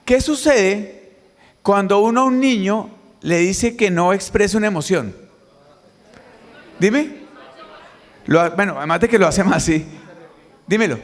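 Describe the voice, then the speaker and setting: A middle-aged Colombian man giving a conference talk, lively and quizzing the audience directly. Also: sits high, measured pace, pauses often. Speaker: motivational speaker. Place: large conference hall. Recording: reverberant hall, mic on stage.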